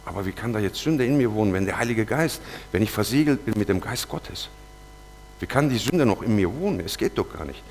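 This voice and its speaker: A man giving an earnest, emotional spoken testimony, not a native German speaker, confessing quietly and then pleading loudly, and reading verses slowly. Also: on the low side, lively intonation. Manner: earnest, confessional, swings between loud pleading and quiet muttering; slow, deliberate when reading scripture verses. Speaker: preacher giving a personal testimony. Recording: long hall reverb with faint hum.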